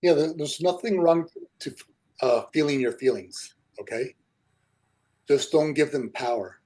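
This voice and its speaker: Gentle man teaching a spiritual class. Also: a little high, measured pace, poor audio. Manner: gentle, encouraging, repetitive. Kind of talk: online class talk. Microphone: video call.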